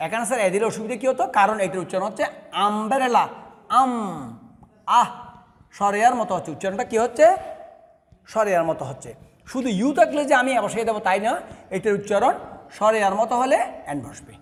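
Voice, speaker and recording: A man's voice: high voice, lively intonation, quick pace, long reverb tail. A male teacher with a Bangladeshi accent, explaining a lesson step by step and answering his own questions. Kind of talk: online classroom lesson.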